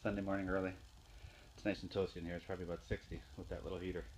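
A man's voice: deep voice, little pitch movement, a little hiss or hum, low-quality recording. A man showing his woodworking projects in his home garage, talking casually to a handheld phone camera with fillers and restarts. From Northeastern Pennsylvania. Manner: plain, unhurried, with fillers and restarts. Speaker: hobby woodworker. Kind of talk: casual show-and-tell vlog.

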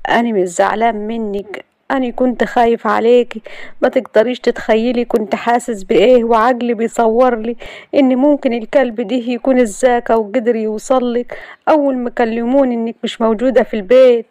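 A woman's voice: a little high, fairly even intonation, brisk, warm tone, no echo, voice pushed up, lightly acted. A woman voicing a stern, protective young man with an Egyptian accent, who speaks in a curt, commanding way.

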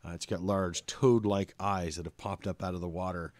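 A man's voice: deep voice, steady tone, moderate pace, a little mellow, dry recording. A man narrating a tabletop game as game master, describing scenes with frequent ums and uhs.

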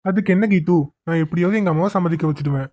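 An impatient young man in a cartoon, voiced by a woman. He speaks curtly and fast in a lowish voice. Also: dark tone, natural voice. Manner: curt, irritated. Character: young man, impatient with cousin, doting on girlfriend.

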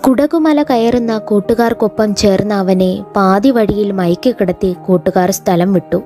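A woman teacher reading a folk tale from a school lesson aloud in a measured storytelling way. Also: mid-range voice, dark tone, soft background music.

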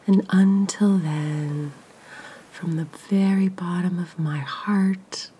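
Woman meditation guide, whispered throughout, low and mellow, very slow delivery. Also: fairly even intonation, low-quality recording. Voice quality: whispering, breathy. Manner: soft, slow, soothing pauses.

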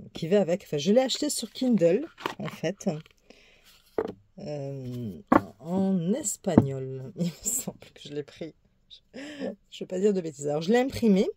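A woman tarot YouTuber with a lowish, dark-toned voice casually shows and reviews her card decks. She's chatty and easygoing, full of small asides, fillers and little laughs. There's a little hiss or hum.

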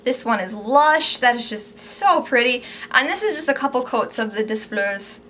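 A young adult beauty vlogger with a high, bright voice gushes cheerfully about her purchases in a casual haul video, her intonation lively and her pace moderate. Filmed up close in a small room at home, she sounds slightly squeaky, as though losing her voice from overuse, with a faint room hum behind her.

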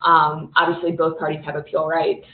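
A woman's voice: sits low, completely flat delivery, slight background noise. Lady lawyer walking through a training talk, lots of ums, sounds like a phone line in an echoey room. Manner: explanatory, many "um" fillers, hurried near the end. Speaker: legal aid attorney presenter. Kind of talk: recorded training webinar presentation.

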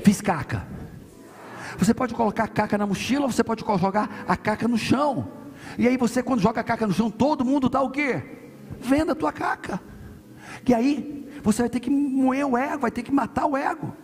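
A man with a very high voice preaches an impassioned sermon in a large church hall, his words ringing in a long reverb. He is emphatic, repeats his phrases and calls on the crowd to answer, with soft music underneath. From Brazil. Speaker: pastor.

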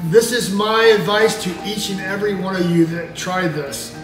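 A man's voice: sits high, normal speed. A man in his forties answering fan questions on his vlog in a playful, joking way while seated at a table indoors. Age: 40s. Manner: jokey, playful, expressive hand gestures. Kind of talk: casual Q&A chat. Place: small indoor room at a table. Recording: echoey room, distant mic, music behind.

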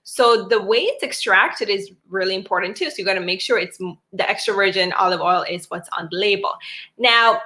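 A woman's voice: medium pitch, fairly quick, pushed and bright. A woman from Sri Lanka giving a chatty health presentation on a video call, with many fillers and restarts. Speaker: wellness doctor presenting a webinar.

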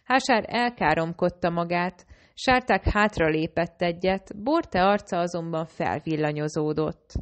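Lower-pitched woman reading an audiobook. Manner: reads all characters in a lightly varied own voice. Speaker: audiobook narrator. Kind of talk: audiobook narration.

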